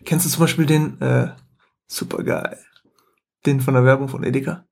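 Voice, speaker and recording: A man co-hosting a podcast in casual chat, with a soft, light voice, eagerly telling stories and cutting in. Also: medium pitch, fairly even intonation, moderate pace, gravelly. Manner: eager storyteller, often interrupts. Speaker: podcast co-host.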